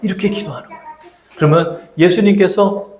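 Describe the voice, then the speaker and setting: A man's voice: a little fast, roomy sound, dull audio, slight background noise. A male pastor preaching a sermon, telling a story and acting out the voices of the people in it. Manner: acts out quoted voices, shifting pitch and loudness. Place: church sanctuary.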